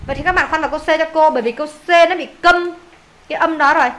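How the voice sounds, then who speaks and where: Bright high-voiced Vietnamese woman teacher. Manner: repeats words slowly for pupils to echo. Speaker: English teacher. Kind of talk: online pronunciation lesson for pupils.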